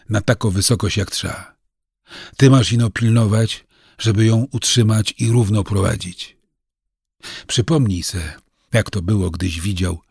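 A man's voice: lowish voice, creaky, a little mellow, husky, dry recording, clean studio sound, full character voice. A man voicing a stern old village witch. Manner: curt, scolding, folksy rustic speech.

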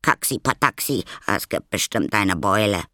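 A man's voice: fairly low pitch, animated, moderate pace, pushed and bright, no room sound, clean studio sound, voice pushed up. A man voicing a small, frightened boy who stammers and whines. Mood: whiny. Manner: stammering, whining.

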